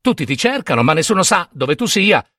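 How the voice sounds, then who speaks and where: Man doing a mocking young sun god, teasing, gloating, animated. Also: high-pitched, brisk, husky, dry recording, studio quality, exaggerated voice. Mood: sly teasing.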